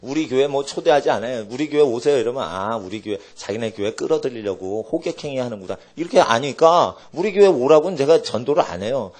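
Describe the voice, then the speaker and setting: A male pastor preaching a sermon in an animated way, swinging between loud exclamations and quiet asides. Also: medium pitch, a little fast, hardly any pauses. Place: church sanctuary.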